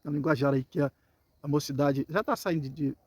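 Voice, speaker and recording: A man's voice: on the high side, steady tone, brisk, darkish tone, no echo. A man with a Brazilian Portuguese accent, preaching a Bible lesson and explaining scripture in a conversational way. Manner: reads scripture then explains it conversationally, acting out voices. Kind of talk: Bible teaching sermon.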